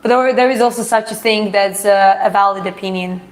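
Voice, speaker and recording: Speaking fairly quickly in a mid-range voice, a Georgian woman whose native language is Russian hosts a casual live Q&A. She hesitantly reads out questions from viewers before answering them frankly.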